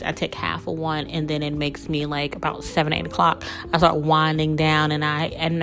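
Speaking in a low voice, this woman podcast host and spiritual coach tells personal stories casually and candidly. She leans heavily on "like" and "you know."

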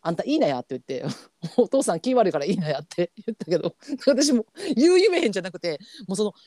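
A woman's voice: mid-range voice, very animated, quick pace, warm tone, no echo, clean studio sound. A woman with a Kansai accent, co-hosting a casual podcast chat and telling a story animatedly, acting out what her family said. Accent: Kansai Japanese. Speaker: podcast co-host.

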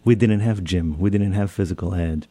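A man's voice: low-pitched, normal speed, mellow, no room sound. A man, giving a reflective personal talk and often repeating and rephrasing his phrases. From Israel. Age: 30s. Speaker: speaker. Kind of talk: personal talk on self-care.

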